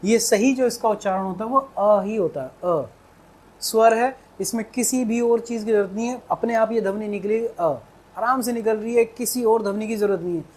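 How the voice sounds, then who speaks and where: A man teaching Hindi in a video lecture, speaking directly to viewers and patiently repeating each vowel sound slowly. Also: high voice, a little mellow.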